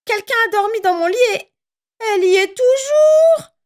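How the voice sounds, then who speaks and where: A woman voicing a tiny baby bear cub who whines in a very high, slow voice. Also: expressive. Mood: whiny.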